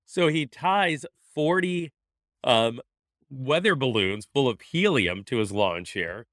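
A man's voice: mid-range voice, animated, slow, a bit bright, no room sound, studio quality. A man, a pastor co-hosting a casual faith podcast, talking in an easygoing way and laughing often. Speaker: pastor, co-host. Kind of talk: casual chat on faith topics.

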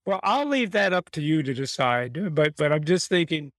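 A man's voice: fairly high pitch, very animated, normal speed, a bit bright, no room sound. A man co-hosting a casual podcast, playful and joking, laughing at his own quips. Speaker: podcast co-host. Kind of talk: casual chat.

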